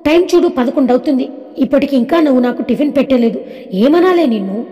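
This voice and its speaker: A young wife who pouts and pleads, her voice somewhat high and soft, as a woman reads her in a storybook. A long reverb trails the words. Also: lively intonation, quick pace. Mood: sulky. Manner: plaintive, pouting. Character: young wife, tearful and sulky.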